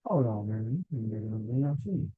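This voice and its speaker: A man's voice: on the low side, quick pace, husky, no echo. A man in casual chat whose voice comes out muffled, as if heard through a wall, while he adjusts his microphone. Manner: fiddling with his mic setup, relaxed slang. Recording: muffled lo-fi mic heard from afar.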